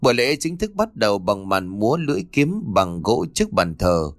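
A man narrating a horror audiobook in an expressive, dramatic storytelling manner. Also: fairly low pitch, moderate pace, no room sound. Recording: dry close studio read, faint music.

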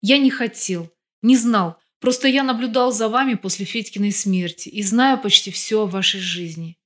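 A blunt, bitter man on a late-night phone call, as a woman narrator reads him. He breaks out in anger at a woman he resents. The voice sits at an ordinary middle pitch. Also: normal speed, natural voice. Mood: apologetic. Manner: angry outbursts, then quiet apology. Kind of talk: audiobook reading.

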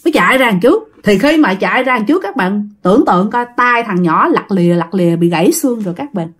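A woman's voice: medium pitch, lively intonation, fast talker. Chatty woman storyteller. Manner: chatty, addresses listeners directly. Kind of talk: casual ghost story narration.

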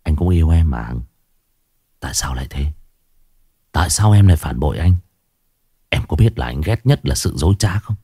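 A man's voice: breathy edge, no room sound, clean studio sound, full character voice. A man doing a cold, scheming gang boss. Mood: coldly calm. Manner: calm, low, measured.

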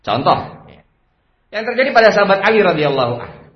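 A man preaching a religious lecture, who keeps repeating a blessing phrase as a filler and swings between emphatic bursts and quiet asides. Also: high-pitched, sing-song, brisk. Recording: echoey room, dull lo-fi sound.

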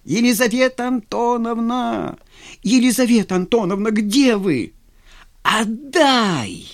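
A man's voice: sits high, very animated, slow pace, fairly bright tone, voice pushed up, full character voice. A man reading a story, voicing an impulsive young cadet who stammers and pleads breathlessly. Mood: desperate pleading.

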